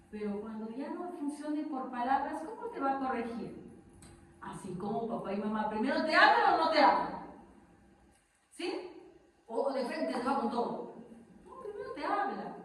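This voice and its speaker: A woman preaching a sermon, lively, asking the congregation rhetorical questions. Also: high-pitched, slight background noise. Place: church hall. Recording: echoey hall, from far off.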